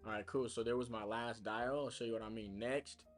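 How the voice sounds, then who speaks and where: A man's voice: fairly low pitch, fairly even intonation, brisk. A man live streaming his cold calls, chatty and full of fillers as he explains what he's doing. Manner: chatty, explains as he works, many fillers and restarts. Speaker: real estate caller livestreaming his work. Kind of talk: casual live stream talk. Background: music.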